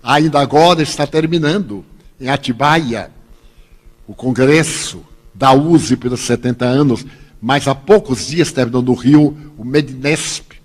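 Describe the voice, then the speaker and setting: A man's voice: medium pitch, measured pace. An older Brazilian man giving a spiritist lecture, telling humorous anecdotes and acting out the dialogue. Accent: Brazilian Portuguese. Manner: humorous storyteller, acts out dialogue. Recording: long hall reverb.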